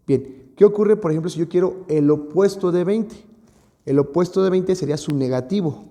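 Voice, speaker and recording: Male math teacher, mellow tone, patient and repetitive explainer; recorded in a hall with long reverb. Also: on the high side. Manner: patient, repeats and stresses key points. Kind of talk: recorded video lesson.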